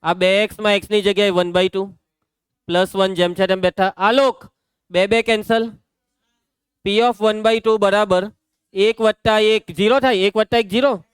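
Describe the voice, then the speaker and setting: Gujarati male teacher, high and smooth, brisk and teasing with students, dry close mic. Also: level tone, dry recording. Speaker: maths teacher. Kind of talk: classroom lesson.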